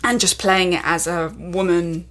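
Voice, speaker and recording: A woman actor talks with a fairly low voice in a relaxed interview. Her speech is chatty and full of fillers, and she drifts into laughing asides. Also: measured pace. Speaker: actor and guest. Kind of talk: casual interview chat.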